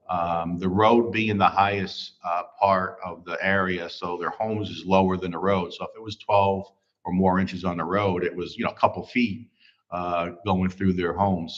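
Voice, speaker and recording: Low-voiced man, rambling chat. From United States. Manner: rambling, many fillers and restarts. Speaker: livestream host. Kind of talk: casual livestream chat, reading viewer comments. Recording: slightly dull livestream audio.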